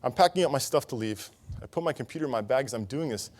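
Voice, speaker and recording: A man's voice: medium pitch, lively intonation, fast talker, a little mellow. A young man giving a conference talk, telling a personal story in an earnest way on a conference stage. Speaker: conference speaker.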